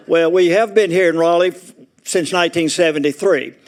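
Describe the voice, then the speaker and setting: Older Southern man, retired preacher, folksy joker with a slightly high voice, laughs through his stories. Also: normal speed. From Arkansas. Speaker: retired Baptist preacher, guest speaker. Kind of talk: humorous after-dinner style speech. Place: meeting room at a retirement community.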